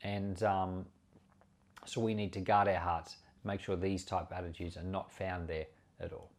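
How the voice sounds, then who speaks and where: Speaking at a normal speed in a low voice with little pitch movement, a male pastor and Bible teacher comments on scripture sermon-style. His manner is earnest and conversational, and he leans hard on key words.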